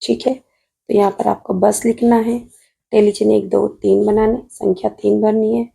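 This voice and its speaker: A woman's voice: mid-range voice, level tone, moderate pace, gravelly, dark tone. A woman math teacher with a Rajasthani Hindi accent, patiently solving an exam paper on video while writing at a desk and calling her students "beta".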